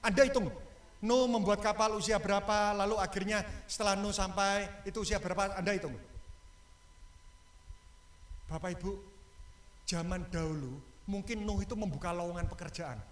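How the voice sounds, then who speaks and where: A male pastor, preaching a lively sermon and joking with the congregation and asking them questions. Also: high voice, brisk. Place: church. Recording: echoey church hall.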